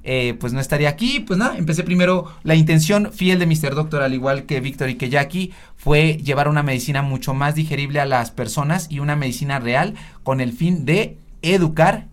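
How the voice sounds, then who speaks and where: A Mexican man speaking in a slightly high register. He tells stories from his work as a doctor with a dry, sarcastic humor, talking loosely to a panel. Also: brisk, few pauses. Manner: sarcastic, joking storyteller. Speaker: doctor and social media health creator. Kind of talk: panel talk, personal storytelling.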